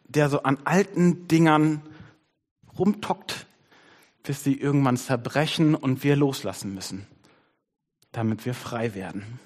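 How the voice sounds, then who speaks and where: A man preaching a conversational sermon on his worship team's behalf, shifting his pace and dropping to soft tones. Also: mid-range voice, in a large hall. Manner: conversational, varies pace, softens to near-whisper. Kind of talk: sermon with a storybook reading.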